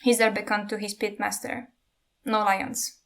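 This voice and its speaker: A woman reads a novel aloud in a measured way and adds her own wry comments between passages. Her voice sits at an ordinary middle pitch. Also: level tone, creaky. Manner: measured narration, wry asides. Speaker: book reader and commentator.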